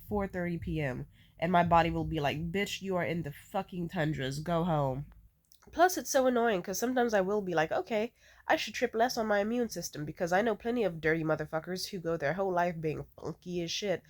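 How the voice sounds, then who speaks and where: Woman, sick, nasally congested, casual rambling storytelling, animated, dramatic complaints, lots of swearing. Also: fairly low pitch. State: sick with a cold, congested nose. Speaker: vlogger.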